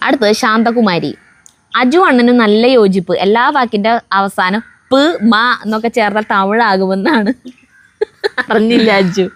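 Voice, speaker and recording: A woman's voice: mid-range voice, moderate pace, dry recording. A woman reading viewer comments aloud in a casual family vlog, laughing between them.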